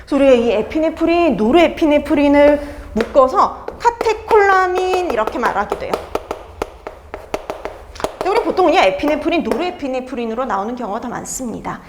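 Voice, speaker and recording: High, lively woman lecturing. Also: fairly quick, noisy background. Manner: asks students questions and answers them herself; repeats key terms for emphasis. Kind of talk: exam-prep lecture.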